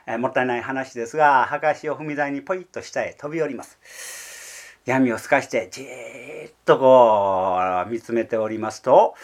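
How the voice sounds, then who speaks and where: A man narrating a rakugo tale vividly in a Kansai accent. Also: mid-range voice. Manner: vivid, theatrical scene-setting. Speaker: rakugo storyteller.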